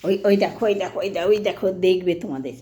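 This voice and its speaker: A woman chatting casually to her viewers at home while coaxing her dog to eat in high baby talk. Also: rapid-fire, dark tone, reverberant. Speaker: vlogger.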